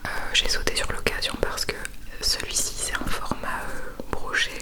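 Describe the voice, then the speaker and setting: A woman chats in a soft, hushed library whisper, unhurried and informal, in an ASMR style. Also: rough recording. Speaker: book haul video host. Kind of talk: whispered ASMR book chat.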